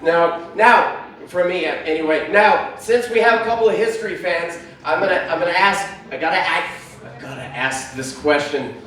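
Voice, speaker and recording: A male stand-up comic with a fairly high voice rambles through his set, self-deprecating and full of fillers. He is picked up from far off the mic in a very echoey room. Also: moderate pace, a bit bright, a little hiss or hum. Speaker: stand-up comedian. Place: brewery stage.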